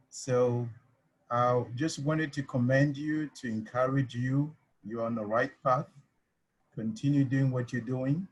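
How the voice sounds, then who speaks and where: A man's voice: mid-range voice, slightly rough, poor audio. A man from the Congo speaking in an online meeting, with many hesitant fillers. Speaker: meeting participant. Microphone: video call.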